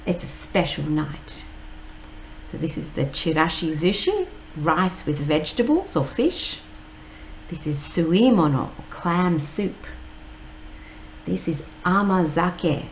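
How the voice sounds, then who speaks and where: A woman teacher, reading a picture book aloud slowly and explaining each word. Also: lowish voice, a little hiss or hum, rough recording. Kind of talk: read-aloud storytime.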